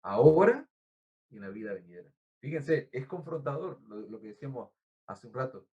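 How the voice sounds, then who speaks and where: A man's voice: mid-range voice, animated, normal speed, dark tone, dull audio. A man with an Argentine accent preaching a sermon as pastor, earnest and teacherly, often addressing the congregation as brother. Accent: Argentine Spanish. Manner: teacherly, explains words and spells them out.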